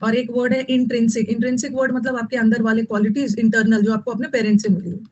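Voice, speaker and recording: A woman's voice: fairly high pitch, level tone, fast talker, darkish tone, muffled recording. A woman teaching English vocabulary in an online exam-prep lesson, repeating key words and scolding students.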